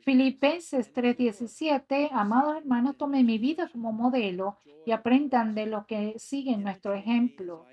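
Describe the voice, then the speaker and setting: A woman's voice: fairly high pitch, measured pace, few pauses, highs cut off. A woman giving an earnest voice-over translation of a sermon, reading scripture passages aloud. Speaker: sermon interpreter.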